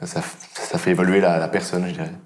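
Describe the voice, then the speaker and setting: A man from Brussels answering interview questions slowly and thoughtfully. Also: low voice, flat delivery, slight background noise.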